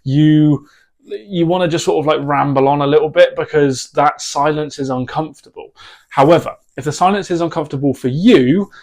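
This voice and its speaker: A man's voice: fairly high pitch, normal speed, darkish tone. Plain-voiced man coaching on phone sales. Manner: direct, conversational, frequent fillers. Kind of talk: talking-head sales tips.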